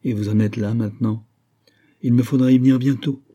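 A man reading the lines of a weary, resigned young woman in an audiobook, softly and without changing his own voice much. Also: medium pitch, fairly even intonation, brisk, muffled recording, close to an everyday voice.

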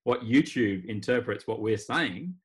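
A man's voice: mid-range voice, expressive, a little slow. An Australian man hosting a casual sports podcast, talking in a wry, rambling way. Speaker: podcast host. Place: remote video call.

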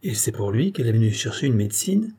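A man's voice: medium pitch, very animated, fast, mellow, breathy edge. A man voicing a shrewd, grim middle-aged bailiff who talks in a sly, knowing, insistent way.

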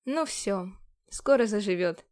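A woman's voice: medium pitch, expressive, measured pace, a little mellow, natural voice. A woman voicing a blunt, caring female ship medic who speaks firmly. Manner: firm, demanding.

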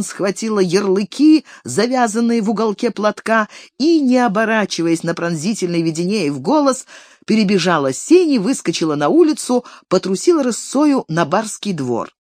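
An expressive narrator reading literary prose, the voice rising and falling in a lively way. The sound is close and dry, with no room in it. Delivery is steady and measured. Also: medium pitch, dry recording. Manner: expressive, varied intonation. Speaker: audiobook narrator.

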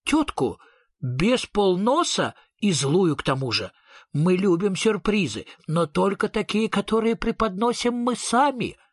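A pompous, nervous storybook king with a raised, jumpy voice, put on by a man. He talks royally of himself as "we", husky and dry in tone. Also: high voice, big pitch swings, a little slow, no room sound, voice pushed up, full character voice. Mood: gloomy. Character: fussy nervous king, pompous and high-strung.

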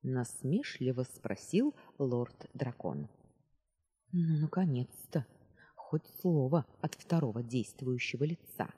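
Woman narrator, first-person audiobook, husky and animated, slow delivery. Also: very deep voice, long reverb tail. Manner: expressive, ironic storytelling.

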